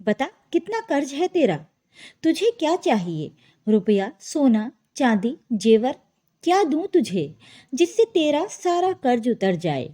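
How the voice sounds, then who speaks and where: A woman's voice: high-pitched, sing-song, slow pace, warm tone, full character voice. Woman doing a short-tempered grown son. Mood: dismissive. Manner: brusque, scolding.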